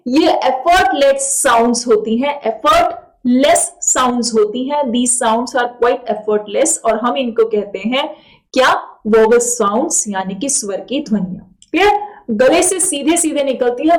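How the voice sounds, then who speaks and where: A woman's voice: on the high side, measured pace, rough recording. A woman teaching English grammar in a classroom-style lesson, repeating key points and checking with her students. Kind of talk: classroom lesson for exam aspirants.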